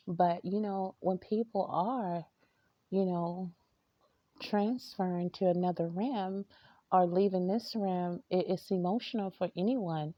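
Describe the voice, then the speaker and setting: A woman spiritual reader telling a story to camera, hesitant and halting, often repeating words and trailing off. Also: on the low side, no room sound, lo-fi sound.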